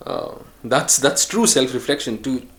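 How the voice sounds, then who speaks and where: This vlogger, a man of middle pitch, takes his time musing in a reflective monologue alone. Earnestly, he speaks about favoring calm instead of harshness, pausing and correcting himself along the way.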